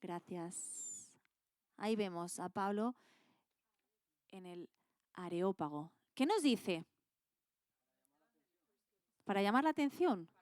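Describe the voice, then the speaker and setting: A woman's voice: medium pitch, expressive, takes it slowly, long pauses, darkish tone, no echo, clean studio sound. A woman with an accent from Spain, teaching a Bible class in a casual, colloquial way and quizzing her students with questions.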